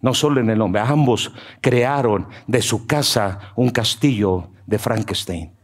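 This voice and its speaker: A man preaching a sermon as pastor. He swings between low, slow stretches and loud, high-pitched emphasis, with joking asides.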